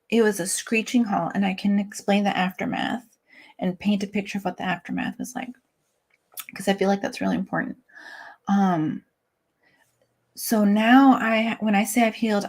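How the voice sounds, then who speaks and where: A young adult woman speaking as an interview guest, talking candidly and emotionally with many "like" fillers. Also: mid-range voice. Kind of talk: candid personal interview talk.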